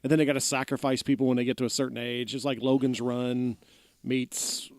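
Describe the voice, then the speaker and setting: Man, podcast co-host, casual chat, clear voice, dry recording. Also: medium pitch, level tone, fairly quick, darkish tone, no room sound.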